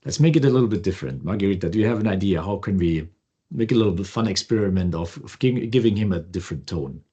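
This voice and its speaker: A man co-hosting a podcast, casually walking through a software demo with loose, restarting phrasing. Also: low-pitched, fast talker, slightly rough, muffled recording. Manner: relaxed, loose, restarts often. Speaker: co-host.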